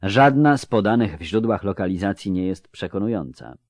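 A man voices a stubborn young apprentice who murmurs and argues back pertly. His deep voice moves with lively pitch. It is recorded dry and close for a fantasy audiobook. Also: brisk, dry recording, natural voice. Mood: pert musing. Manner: pert, murmuring.

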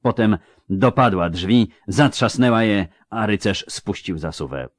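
Male narrator, deep, dramatic audiobook read, dry booth. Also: expressive, measured pace, no echo. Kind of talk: scripted narration.

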